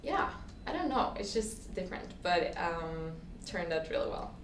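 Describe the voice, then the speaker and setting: Her low-leaning voice swings widely in pitch at a normal speed as this Swedish woman in her twenties tells her story as a casual interview guest. She chatters along with plenty of "like" and restarts, often acting out people's words. The room is echoey, with faint ambient noise.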